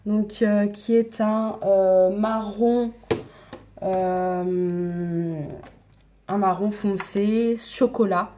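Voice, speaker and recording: Slow, mellow-voiced woman chatting through makeup. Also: mid-range voice, fairly even intonation, a little hiss or hum. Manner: hesitant, many fillers, slips into soft whispers. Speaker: makeup vlogger. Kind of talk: casual makeup tutorial chat. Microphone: phone camera.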